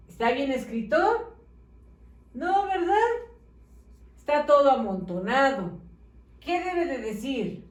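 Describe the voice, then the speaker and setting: A woman teaching young children to read and write, dictating slowly and praising them patiently in a sing-song manner. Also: high voice, darkish tone. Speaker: primary school teacher. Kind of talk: slow children's dictation lesson. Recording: roomy, slightly distant mic.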